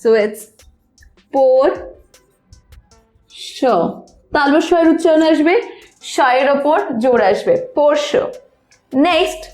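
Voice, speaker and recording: A woman's voice: high voice, expressive, darkish tone, roomy sound, soft background music. A woman teaching English pronunciation in a lesson, spelling out words letter by letter. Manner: slow, spelling out letters one by one. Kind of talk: spoken language lesson.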